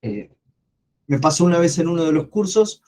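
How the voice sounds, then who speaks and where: A man with an Argentine accent teaching an online coaching class, talking loudly and energetically and putting questions to the class that he answers himself. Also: a little high, normal speed. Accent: Argentine Spanish. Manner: loud, energetic way of speaking. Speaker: coaching course instructor.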